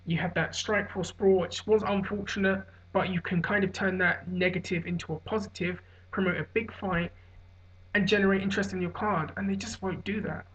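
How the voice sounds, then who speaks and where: This online MMA commentator, clearly hungover, delivers unscripted fight opinions, wandering off and correcting themselves as they go. The mid-range voice is steady, a bit bright, and fairly quick, captured in dull lo-fi audio.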